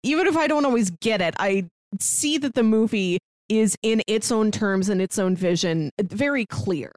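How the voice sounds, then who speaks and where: In a casual podcast chat about films, a female co-host speaks sincerely and thoughtfully, often using fillers and restarting sentences. She has a medium-pitched, darkish voice, animated at a normal speed, with no room sound.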